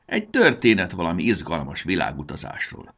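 A man's voice: low-pitched, wildly swooping pitch, a bit bright, heavily acted. A man reading a storybook aloud and voicing a friendly, shrewd old talking suitcase with a cheerful, bargaining manner. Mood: sly.

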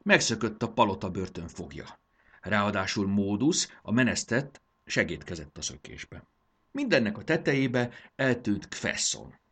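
A man reading a children's storybook aloud with expressive, lively narration. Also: lowish voice, husky. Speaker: audiobook reader.

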